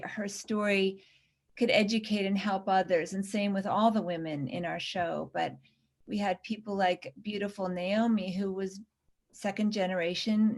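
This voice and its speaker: A woman documentary director answering interview questions earnestly, often restarting her sentences. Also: medium pitch.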